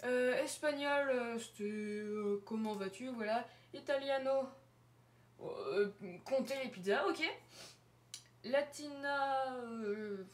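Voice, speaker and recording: A fairly high-voiced woman talks slowly through a casual screen-share walkthrough, pausing on fillers and breaking into small giggles. Her voice rings in a roomy, echoey space. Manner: hesitant, with frequent fillers and giggles. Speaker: Discord server owner showing her servers. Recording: roomy echo.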